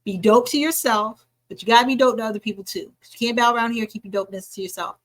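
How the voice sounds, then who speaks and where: A woman's voice: on the high side, rapid-fire, no echo, rough recording. A woman co-hosting a hip-hop podcast, talking casually and emphatically, often repeating words. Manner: animated, emphatic, repeats herself. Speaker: podcast co-host. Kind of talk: casual chat.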